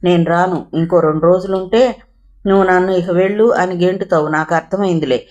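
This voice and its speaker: A woman's voice: on the low side, steady tone, fairly quick, darkish tone, highs cut off, natural voice. A woman voicing a young runaway wife who pleads and quarrels through tears. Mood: upset. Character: young distressed runaway wife, sharp-tongued.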